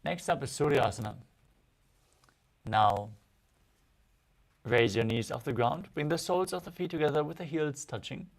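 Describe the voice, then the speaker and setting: A man giving measured, step-by-step instruction as a yoga teacher leading posture practice. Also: mid-range voice, gravelly.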